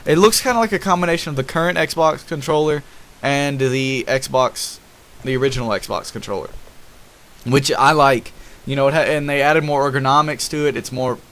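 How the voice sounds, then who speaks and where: A young man giving casual, rambling commentary over gameplay, excited and addressing his viewers directly. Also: medium pitch. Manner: rambling and enthusiastic, talks to viewers as guys. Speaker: gaming YouTuber.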